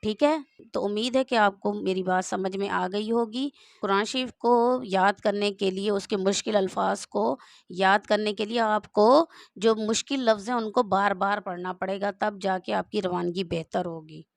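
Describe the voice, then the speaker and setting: A woman's voice: medium pitch, fairly even intonation, normal speed, gravelly, no echo, clean studio sound. A woman teaching Quran reading, patiently spelling out each word letter by letter and repeating it. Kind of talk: slow step-by-step recitation lesson.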